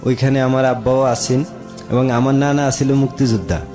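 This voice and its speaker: Guesting in a radio studio with music in the background, a late-thirties man from rural Moulvibazar, Bangladesh, recounts his personal story in conversation, plainly and respectfully. He has a Sylheti-region accent and a dark, mid-range voice with fairly even intonation, speaking briskly.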